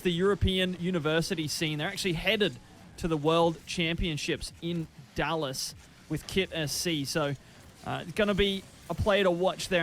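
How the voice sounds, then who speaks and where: A man casting an esports match, calling plays quickly with frequent restarts. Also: high voice, a bit bright, slight background noise. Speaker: esports caster. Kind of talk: esports play-by-play commentary.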